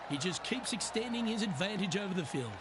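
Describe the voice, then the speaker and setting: A man's voice: high voice, lively intonation, quick pace, over a noisy crowd. A man giving scripted play-by-play golf commentary in short, upbeat calls. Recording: commentary over outdoor course noise.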